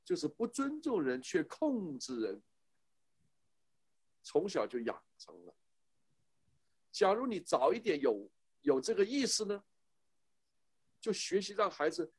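Animated high-voiced man preaching. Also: slow, pauses often, husky. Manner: animated, emphatic, rhetorical questions to the audience. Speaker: church speaker. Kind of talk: sermon on parenting.

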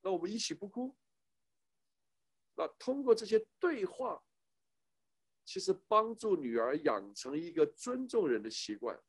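Animated high-voiced man preaching. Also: measured pace, pauses often, husky. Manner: animated, emphatic, rhetorical questions to the audience. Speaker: church speaker. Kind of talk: sermon on parenting.

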